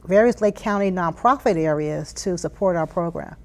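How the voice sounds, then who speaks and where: A woman from Philadelphia, speaking at a moderate pace in a lowish voice. She leads a youth STEM program and answers interview questions conversationally, sounding earnest and emphatic and often repeating phrases for weight.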